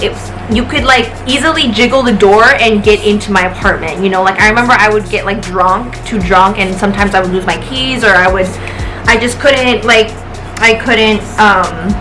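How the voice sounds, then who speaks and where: An American woman in her late twenties, a vlogger, chats casually and rambles through a personal story using slang and swearing. Her pitch is ordinary, music plays clearly behind her, and the recording quality is low.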